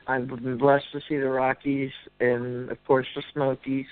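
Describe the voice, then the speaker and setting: Caller: man on the phone, halting, gushing, dry tinny line. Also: mid-range voice, flat delivery, no room sound. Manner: halting, effusive praise with many restarts. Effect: over the phone. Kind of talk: casual call-in chat.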